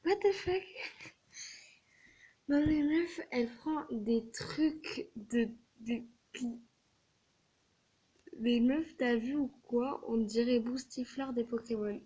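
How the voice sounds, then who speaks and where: A woman's voice: fairly high pitch, fairly even intonation, a little slow, dark tone, slightly rough, low-quality recording. A woman ranting casually in a gaming vlog, swearing and dropping into whispered asides between many fillers. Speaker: gaming YouTuber.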